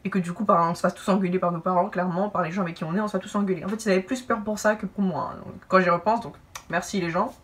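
A young woman telling a personal story to camera in a casual, animated way, acting out what others said. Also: lowish voice, racing, recorded from a distance. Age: young adult. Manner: animated, lively asides and acted-out quotes. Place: indoor room, brick wall behind.

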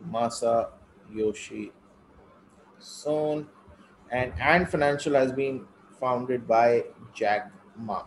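A man's voice: medium pitch, slow, a little hiss or hum, poor audio. A middle-aged man with a North Indian accent, teaching a live online class conversationally and switching between English and Hindi. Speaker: test-prep teacher.

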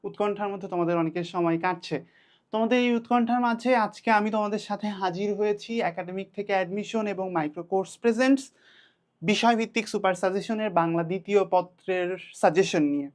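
A woman's voice: medium pitch, quick pace, a little mellow. A young woman with a Bangladeshi Bengali accent teaching an exam-prep lesson, talking to students in a direct, urgent way.

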